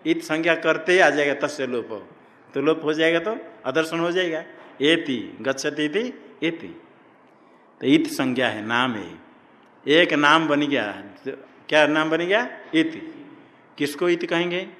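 Slow-speaking male grammar teacher in a reverberant hall. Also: fairly high pitch, lively intonation, a bit bright. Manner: slow, repeats terms and quizzes the class. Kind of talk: classroom teaching with questions to students. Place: ashram classroom.

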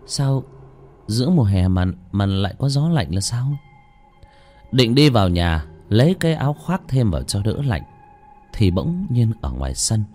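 A man's voice: lowish voice, warm tone. A man narrating a horror story in a dramatic, suspenseful way. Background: faint music.

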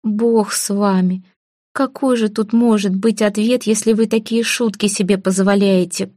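A woman's voice: mid-range voice, fairly even intonation, unhurried, mellow, dry recording, clean studio sound, close to an everyday voice. A woman voicing a poor, proud young orphan woman who talks in a flustered, pleading way. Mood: hurt. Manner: pleading, flustered, self-deprecating.

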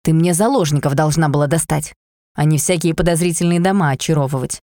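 A stern, impatient battle mage grumbles in a lowered, gruff voice, as a woman puts him on. His lines are short and clipped, like a storybook investigator who has no time to waste. The sound is dry and close. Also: fast, mellow, no echo.

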